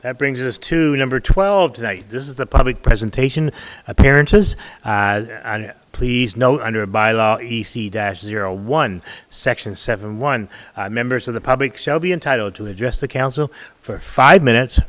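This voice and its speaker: A man's voice: medium pitch, normal speed, fairly bright tone. A man chairing a town council meeting as mayor, in a chatty, joking, folksy way. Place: council chamber.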